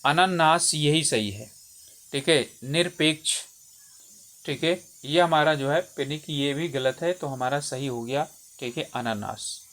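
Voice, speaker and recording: A man's voice: a little high, a little slow, fairly bright tone. Man walking through Hindi exam questions. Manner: explains step by step, repeats words and says "theek hai" often.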